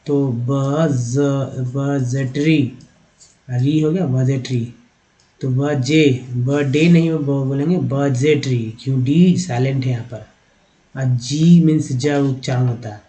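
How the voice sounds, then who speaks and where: In a low-quality recording, a man with a mellow, medium-pitched voice and an Indian accent gives an online English lesson. He addresses viewers directly, saying "dekhiye" again and again, and slowly spells and sounds out words letter by letter.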